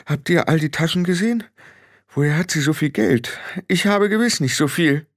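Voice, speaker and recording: A man's voice: on the high side, moderate pace, no echo, studio quality, voice pushed up, lightly acted. A man doing a fretful old witch. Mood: worried. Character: elderly fussy witch woman, anxious and proper. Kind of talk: audiobook character voice.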